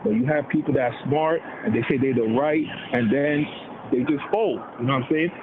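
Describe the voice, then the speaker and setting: His voice sits in the mid range and moves briskly as he, a Dominican man, riffs on politics with slang and put-on voices for whoever he's quoting. The line is thin and phone-like, with background noise.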